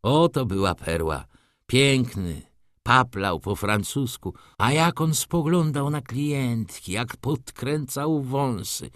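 An excitable old shop clerk is brought to life by a man reading the book, his raised, lively voice leaping up and down as he fusses and coaxes. The pace is slow and the medium pitch is set above the performer's own, recorded close and dry with no echo or room sound. His eager chatter has a gossipy feel.

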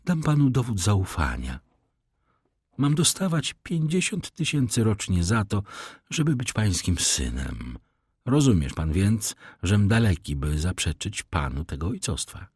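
A man's voice: lowish voice, big pitch swings, unhurried, a little mellow, slightly rough, no echo, studio quality, full character voice. A man voicing a sly, scheming young man who mocks and probes, in an audiobook reading. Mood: hushed. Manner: sly, probing.

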